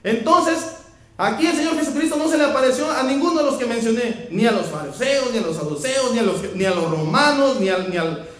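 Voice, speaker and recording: A man's voice: very high-pitched, animated, brisk, a bit bright. A man preaching a sermon, speaking conversationally and calling the congregation brothers. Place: church. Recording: very echoey church hall.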